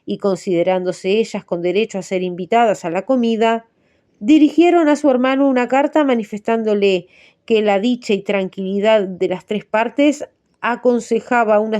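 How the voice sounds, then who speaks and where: A woman narrating a classic novel in a measured, steady storytelling manner. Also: medium pitch. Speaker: audiobook narrator. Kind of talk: audiobook reading.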